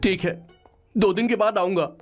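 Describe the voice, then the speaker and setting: A man's voice: sits high, moderate pace, soft background music, lightly acted. An actor dubbing a chatty male assistant who narrates his boss's story in a playful, gossipy way. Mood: obliging. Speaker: narrator character. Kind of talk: film dubbing.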